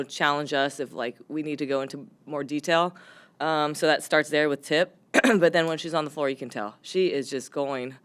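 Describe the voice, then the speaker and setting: A woman head coach with a low voice, hoarse from yelling, fields post-game press questions. She speaks candidly and rambles, using lots of fillers.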